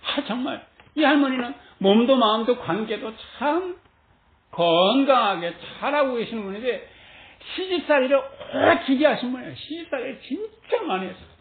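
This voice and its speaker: A woman delivers a sermon with lively energy, often laughing as she preaches. Her voice comes through narrow and tinny, like a phone line. It rings in a roomy, echoing space. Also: high-pitched, moderate pace, slight background noise. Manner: animated, acts out quoted voices, laughs often. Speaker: pastor. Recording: tinny phone-like sound in an echoey room.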